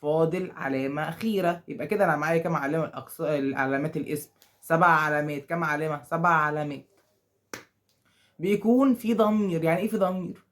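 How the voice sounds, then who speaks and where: A man's voice: fairly high pitch, fast, fairly bright tone. A man with an Egyptian Arabic accent teaching grammar to school pupils. He keeps asking questions, answers them himself, and acts out the pupils' objections.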